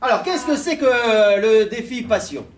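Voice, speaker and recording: Very high-voiced male host barking brisk cues, sounding off-mic in an echoey hall. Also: animated, far from the mic. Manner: brisk, calls out short commands. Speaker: improv show host giving challenges. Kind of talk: stage improvisation.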